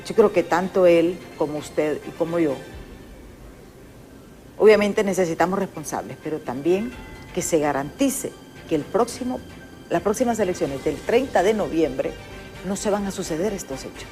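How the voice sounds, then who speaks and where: A woman's voice: lowish voice, lively intonation, moderate pace, dark tone, faint music behind. An older Honduran woman hosting a political talk show, speaking emphatically and giving firm opinions. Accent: Honduran Spanish. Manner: emphatic, opinionated, addresses viewers directly. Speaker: host.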